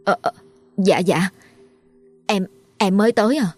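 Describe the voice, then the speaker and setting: A woman's voice: mid-range voice, unhurried, a little mellow, husky, faint music behind. A woman voicing an anxious, caring neighbor woman who stammers with hesitant fillers. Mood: nervous.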